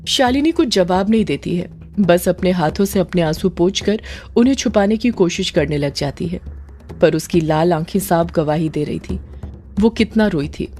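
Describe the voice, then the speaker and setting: A woman's voice: on the low side, lively intonation, moderate pace, mellow, soft background music. Woman narrating a dramatic story.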